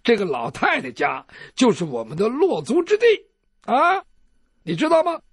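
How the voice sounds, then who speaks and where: A man doing a calm, sly swordsman. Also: extremely high pitch, moderate pace, husky, no echo, clean studio sound, full character voice. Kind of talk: traditional Chinese storytelling.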